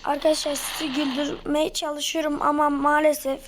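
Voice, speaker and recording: A woman hosting a casual let's-play video with a hoarse throat, giving excitable commentary with loud sudden outbursts at the game. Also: high-pitched, moderate pace, slight background noise. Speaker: gaming video host.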